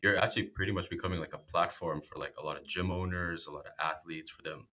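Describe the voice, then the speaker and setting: Man, Canadian-raised host, deep, bright edge, casual filler-heavy talk. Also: fairly even intonation, fast talker. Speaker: podcast host. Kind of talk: casual chat.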